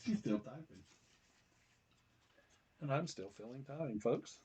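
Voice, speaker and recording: A man's voice: medium pitch, lively intonation, takes it slowly, warm tone, a little hiss or hum, rough recording. A middle-aged man co-hosting a podcast, teasing his daughter and laughing a lot during joking banter. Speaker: podcast co-host.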